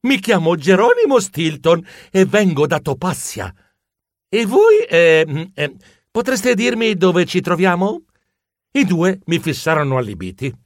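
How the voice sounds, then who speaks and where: Male narrator for a children's audiobook, very animated, slightly high. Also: unhurried, dry recording, studio quality. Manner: lively, expressive storytelling. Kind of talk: first-person audiobook narration.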